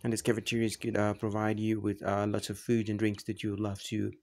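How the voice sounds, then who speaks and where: A man narrating a travel vlog, describing the view in a halting way, with many fillers and restarts. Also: fairly low pitch, completely flat delivery, darkish tone. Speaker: travel vlogger.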